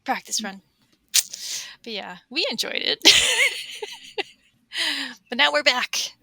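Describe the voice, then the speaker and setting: A woman's voice: a little high, animated, slow pace, gravelly, pushed and bright, dry recording. A woman hosting a podcast in casual chat, recapping scenes and laughing often. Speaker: podcast host.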